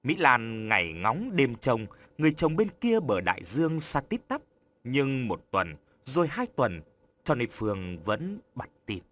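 Expressive male storyteller. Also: mid-range voice, measured pace. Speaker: narrator. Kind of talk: scripted audiobook narration.

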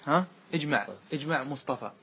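A man teaching a grammar class, who questions his students often and repeats key points. He recites verse lines slowly and draws them out. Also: fairly high pitch, fairly bright tone, slight background noise. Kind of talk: classroom lesson.

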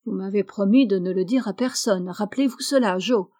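A woman's voice: mid-range voice, brisk, warm tone, close to an everyday voice. A woman reading the part of a playful, teasing young man in an audiobook. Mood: reproachful. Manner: playful and coaxing.

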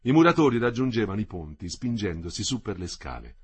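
Literary narrator, husky male voice, lively intonation. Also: lowish voice. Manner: measured, expressive reading. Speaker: audiobook narrator. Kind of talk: literary reading aloud.

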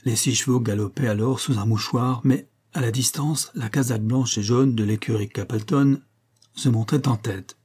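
A man giving a measured, steady reading of a classic detective story as its narrator. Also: medium pitch, husky. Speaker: audiobook reader. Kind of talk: scripted literary narration.

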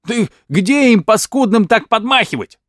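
A man's voice: high voice, lively intonation, moderate pace, fairly bright tone, no echo, clean studio sound, pitched above the performer's own voice. A man voicing a sly, bawdy old village woman who coaxes and scolds with mock concern. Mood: indignant. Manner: coaxing, scolding, mock-solicitous.

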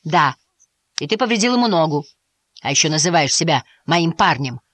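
A woman's voice: sits low, expressive, moderate pace, fairly bright tone, no echo. A woman voicing a proud, stern young female mouse in a storybook. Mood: indignant. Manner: stern, indignant.

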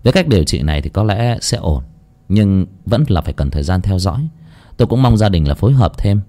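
Man playing a grave measured doctor. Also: low voice, expressive, mellow. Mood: puzzled. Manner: measured, explanatory. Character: calm middle-aged male surgeon, measured, grave.

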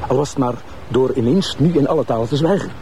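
A man with a mid-range, mellow voice speaks at a quick pace, lightly acted, with a little hiss or hum in the audio. He plays an earnest, sceptical junior Flemish police detective in a naturalistic TV crime drama, reasoning politely and methodically, deferential to his boss, and pensive in mood.

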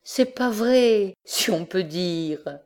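A woman's voice: mid-range voice, animated, drawn-out words, darkish tone, voice pushed up. A woman reading aloud, voicing a young country woman who coaxes and teases her lover in rustic speech. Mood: coaxing. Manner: coaxing, teasing rustic speech.

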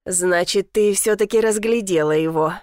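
A woman's voice: mid-range voice, normal speed, darkish tone, dry recording, clean studio sound, close to an everyday voice. A woman voicing a teasing, doting old village grandmother who talks in a folksy, sly way.

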